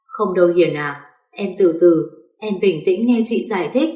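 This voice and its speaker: A woman's voice: lowish voice, expressive, a little slow, warm tone. A spiteful, bitter older sister-in-law, voiced by a woman narrator, sneering and venomous. The reading sits in an echoey room. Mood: pleading.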